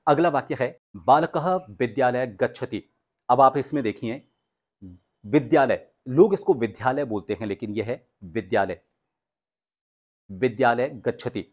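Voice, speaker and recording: A man with a mid-range voice teaches clear pronunciation in a calm, explanatory way. He slows right down to read the drill sentences with emphasis. He speaks close to the mic. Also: mid-range voice. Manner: patient, explanatory. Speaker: speech coach. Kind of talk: pronunciation lesson.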